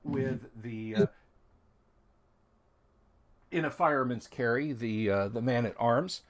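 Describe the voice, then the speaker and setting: Guy dm-ing a tabletop game, takes his time, lots of ums and uhs. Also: medium pitch. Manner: unhurried, with frequent ums and uhs. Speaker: dungeon master.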